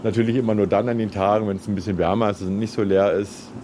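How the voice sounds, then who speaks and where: Chatty low-voiced man over outdoor noise. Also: steady tone, fast, dark tone. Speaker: swimming pool kiosk vendor. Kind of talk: chatty interview talk. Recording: clearly noisy outdoor location.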